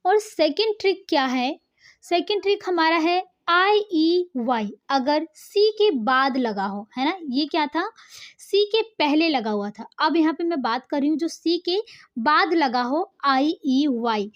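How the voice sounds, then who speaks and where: A woman with a high voice teaches an online English lesson. She explains each point step by step and keeps checking in with her learners. The recording sounds a little dull and lo-fi. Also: animated, unhurried.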